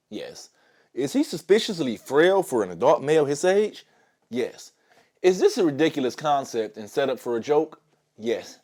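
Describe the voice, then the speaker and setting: A man's voice: on the high side, darkish tone. A sarcastic man hosting his own commentary video, ranting at viewers while losing his voice to a cold. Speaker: commentary YouTuber. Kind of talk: opinionated video essay.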